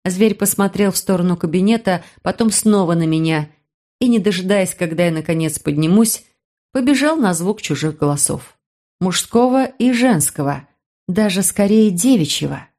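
A woman narrating a first-person story in a measured storytelling manner. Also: fairly low pitch, animated, dark tone. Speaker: audiobook narrator.

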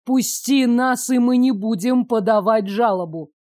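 A woman's voice: fairly high pitch, unhurried, darkish tone, no echo, studio quality, natural voice. A woman reading an audiobook, voicing an earnest young male hero who reasons urgently with his captors. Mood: urging.

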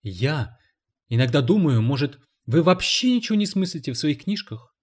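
A man voicing a loud, indignant woman cleaner in an audiobook, shrieking and scolding. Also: big pitch swings, normal speed. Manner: shrill, exclaiming, scolding.

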